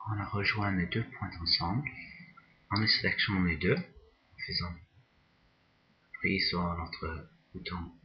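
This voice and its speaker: A man with non-native English pronunciation screen-records a drawing software tutorial. He talks slowly and hesitantly in a low voice, often repeating words as he works. The highs are cut off in the audio.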